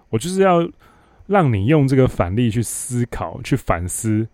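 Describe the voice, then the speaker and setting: A podcast host with a Taiwanese Mandarin accent tells a work story in a blunt, sarcastic, casual monologue. His voice is lowish and a little mellow, recorded dry at studio quality.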